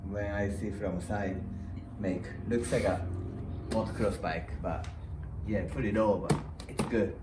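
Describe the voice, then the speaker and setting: Recorded from a distance with echo and clear background noise, a man chats casually. He has a non-native English accent and speaks in short, simply built phrases as a guest rider explaining his own setup. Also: on the low side, steady tone, a little slow. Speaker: guest freestyle motocross rider. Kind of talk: casual unscripted chat. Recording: distant echoey sound, clear noise, clicks.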